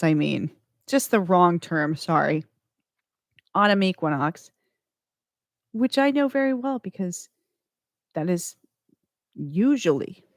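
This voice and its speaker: Speaking at a fairly low pitch, a female radio host fills the gaps between songs with slow, meandering chatter, often stopping to correct herself. There's no room sound, just clean studio audio.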